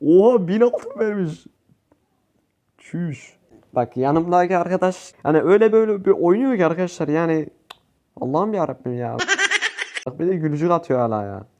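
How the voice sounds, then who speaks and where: A young man talks over his game in a casual commentary style. His voice sits on the high side, and he turns excitable, groaning and shouting at teammates as the match goes on. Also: fast, slight background noise. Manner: excitable, swears and yells at teammates. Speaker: gaming youtuber.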